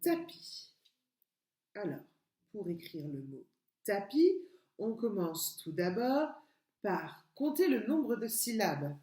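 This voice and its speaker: A woman kindergarten teacher giving a remote literacy lesson to young children, slowly and patiently sounding out letters and syllables. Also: mid-range voice, very animated, dark tone. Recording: echoey room.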